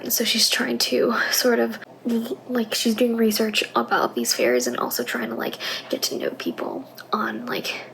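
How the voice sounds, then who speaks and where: A woman's voice: fairly high pitch, vocal fry, a bit bright, poor audio. A young woman vlogging late at night from her home office, whispering so she doesn't wake anyone, with lots of casual fillers.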